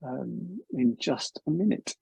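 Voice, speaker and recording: Man, webinar host, gravelly fry in the voice, slightly husky, chatty and welcoming, video call. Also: a little high, animated, takes it slowly, a little mellow, no echo, muffled recording. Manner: chatty, welcoming, joking with guests. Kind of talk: casual webinar welcome chat.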